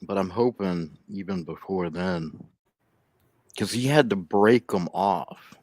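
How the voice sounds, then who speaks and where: Man, very low voice, slight lisp, mumbling, rambling casual stream chat, dry sound. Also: slow pace, darkish tone, no room sound. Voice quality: slight lisp from missing front teeth. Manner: rambling storyteller, mumbling around a cigar. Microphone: laptop.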